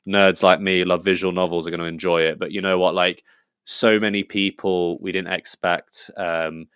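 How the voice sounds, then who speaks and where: A man's voice: low-pitched, flat delivery, moderate pace, a bit bright, clear, resonant tone, no room sound, studio quality. An English man talking as a podcast guest in a casual, rambling and enthusiastic way, full of fillers and restarts. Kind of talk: casual conversational interview.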